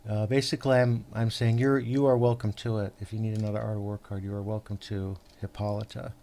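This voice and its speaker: A man hosting a tabletop game session, patiently explaining the rules to his opponent in a halting, rambling way full of fillers and restarts. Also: fairly low pitch, little pitch movement, mellow. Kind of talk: casual tabletop game chat.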